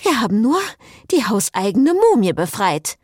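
A woman voicing a sharp-tongued, excitable young witch in a read-aloud novel. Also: a little high, normal speed, no echo, clean studio sound, voice pushed up. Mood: urgent.

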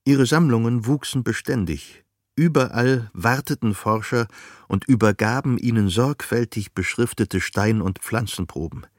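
In a measured, even storytelling manner, a man narrates a novel for an audiobook as scripted narration. His pitch is medium, and the studio-quality recording has no room sound.

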